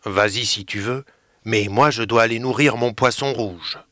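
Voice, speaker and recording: A man's voice: medium pitch, normal speed, sharp tone, dry recording, clean studio sound, lightly acted. A man voicing a timid, easily frightened little boy in a children's story reading. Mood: hesitant.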